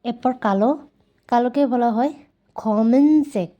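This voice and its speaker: In a casual video lesson, a woman with a Bangladeshi Bengali accent teaches Korean words, saying each one slowly and repeating it for practice. Her voice sits on the high side with a steady tone, and the highs are cut off.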